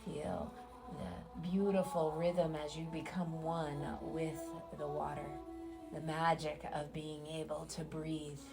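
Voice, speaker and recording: Guiding a meditation, this woman keeps a level tone in her low voice, which frays into gravelly fry at the edges. Her phrases stretch out very slowly and soothingly, separated by long pauses, with loud music playing beneath.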